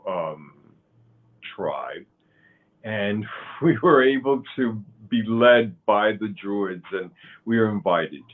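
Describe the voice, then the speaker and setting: A man around sixty from Cuba, a guest in an interview, talking slowly and haltingly with many fillers and restarts. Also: low-pitched. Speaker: guest, author and pagan high priest. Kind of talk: interview conversation. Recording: thin phone-like line.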